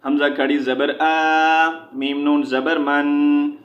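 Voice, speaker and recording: A man teaching Quran recitation, spelling out each letter and vowel mark before blending the syllables and reciting slowly, with quick spoken asides on where to pause. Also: on the high side, level tone, roomy sound, lo-fi sound. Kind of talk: slow spelled-out recitation lesson.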